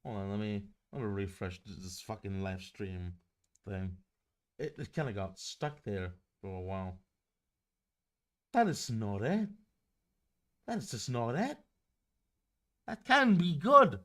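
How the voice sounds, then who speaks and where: A man's voice: lowish voice, lively intonation, unhurried, long pauses, fairly bright tone. A man streaming live and ranting heatedly, swearing and repeating himself for emphasis. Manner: profane, repetitive, heated ranting.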